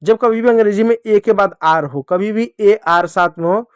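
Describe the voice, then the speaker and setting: High-voiced man teaching phonics to children. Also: normal speed, clean tone, no echo, clean studio sound. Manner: repetitive, asks and answers own questions. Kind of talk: classroom phonics lesson.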